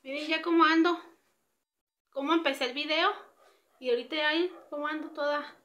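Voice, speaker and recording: A woman's voice: high-pitched, fairly even intonation, moderate pace, fairly bright tone, dull audio. Chatty woman vlogging while cleaning. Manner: chatty, addresses viewers directly. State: sweaty from cleaning. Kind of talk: casual cleaning vlog talk. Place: home kitchen indoors.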